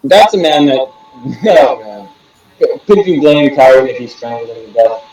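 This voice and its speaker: A man's voice: medium pitch, lively intonation, a little slow, a little mellow. A man co-hosting a podcast in casual chat, cracking dry jokes. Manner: dry joking. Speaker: podcast co-host. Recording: echoey room, distant mic.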